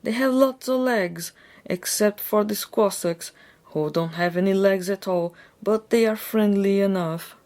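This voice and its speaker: Woman acting a storybook schoolboy, smug, gleeful, hammy stage delivery, raised voice, slow. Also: mid-range voice, a little mellow, voice pushed up, lightly acted. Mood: earnest, boastful. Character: smug, theatrical older brother, a gleeful schoolboy.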